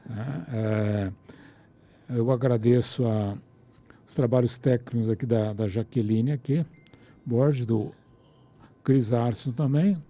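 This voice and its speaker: A Brazilian man with a São Paulo interior accent hosting a radio talk show, relaxed and teasing, with many restarts. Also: medium pitch, takes it slowly, pauses often. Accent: Brazilian Portuguese, São Paulo interior. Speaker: radio host. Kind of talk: casual radio chat. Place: radio studio.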